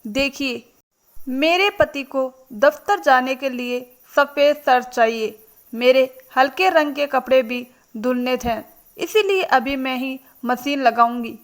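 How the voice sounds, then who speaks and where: A woman's voice: sits high, takes it slowly. A woman voicing a petulant, complaining young daughter-in-law in a spoken storybook. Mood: grumbling. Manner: grumbling, sulky.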